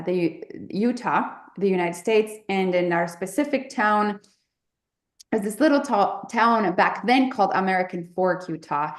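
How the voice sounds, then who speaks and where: Woman from Mexico, slow and reflective guest, echoey room sound. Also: mid-range voice. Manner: slow, thoughtful, with many fillers. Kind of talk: interview conversation.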